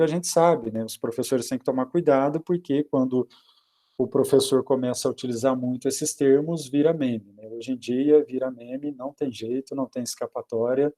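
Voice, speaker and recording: A man from Brazil teaching by video call, his tone dark and mellow at a middling pitch. He poses a question and answers it himself, swinging between raised points and quiet asides. Small fillers like "né" run through his talk. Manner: didactic, asks and answers his own questions; varies loudness, often drops to quiet asides. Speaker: lecturer on public speaking.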